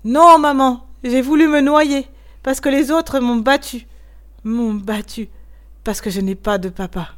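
A woman's voice: mid-range voice, steady tone, unhurried, darkish tone, lightly acted. A woman voicing a small tearful boy who stammers and sobs as he speaks. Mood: pleading. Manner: stammering, sobbing.

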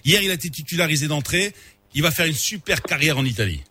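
A man co-hosting a radio sports segment, asking questions in a lively, conversational way. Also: a little high, fast talker, breathy edge.

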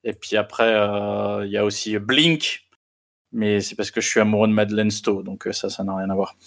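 A man's voice: lowish voice, steady tone, normal speed, creaky, a bit bright. A man co-hosting a casual film podcast, telling digressive anecdotes with many fillers. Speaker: podcast co-host.

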